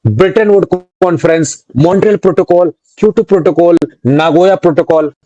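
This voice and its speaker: Indian male teacher, dark dry voice. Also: high-pitched, brisk, dry recording, muffled recording. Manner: quizzing students, mixing English terms into speech; reads out student names and answers, scolds jokingly. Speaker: exam prep teacher. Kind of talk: live online quiz class.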